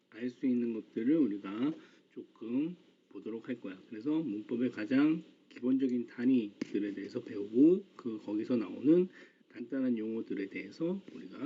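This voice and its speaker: Male lecturer, mid-pitched, patient explainer of grammar terms, dull lo-fi recording. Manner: calm explanatory, casual speech endings. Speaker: teacher.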